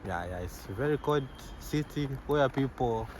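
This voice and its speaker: A young man, a medical student answering street-interview questions outdoors in a relaxed, easygoing way. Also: mid-range voice, moderate pace, noisy background. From Zambia. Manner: easygoing, chuckles between answers, repeats "yeah".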